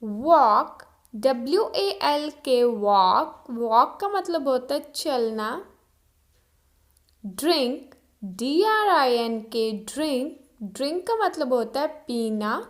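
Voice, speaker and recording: A woman's voice: high-pitched, expressive, slow pace. A woman teaching English vocabulary, saying each word, spelling it out letter by letter and giving its meaning. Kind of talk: slow vocabulary drill.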